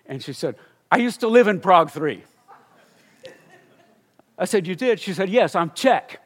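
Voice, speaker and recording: A man's voice: high voice, lively intonation, measured pace. An older man, a missionary preacher, telling a story in a sermon and building to fervent exclamations.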